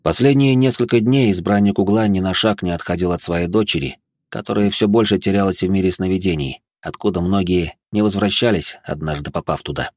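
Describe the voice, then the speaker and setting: A man narrating a fantasy audiobook in a steady, measured reading. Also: sits low, dry recording.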